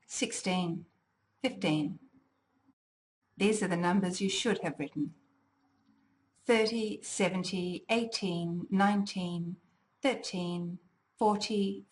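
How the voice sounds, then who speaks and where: A woman teaching a language exam lesson, deliberately enunciating each word for listening practice. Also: mid-range voice, darkish tone. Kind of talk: slow, clearly articulated lesson.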